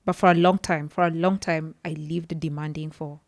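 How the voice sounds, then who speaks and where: She has a deep, creaky voice and a steady tone, speaking at normal speed in clean studio sound with no echo. A psychology worker and podcast guest, she offers earnest personal testimony. Her speech is full of restarts as she looks for words.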